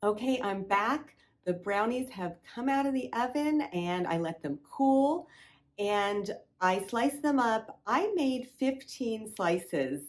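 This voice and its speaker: A woman's voice: a little high, lively intonation, takes it slowly. A middle-aged woman hosting a cooking video, giving friendly, chatty step-by-step instructions. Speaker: cooking show host. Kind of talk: recipe demonstration.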